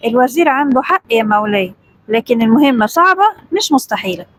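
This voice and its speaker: A woman voicing a calm, polite 14-year-old boy scholar who explains patiently, with an Egyptian Arabic accent. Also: high-pitched, fast.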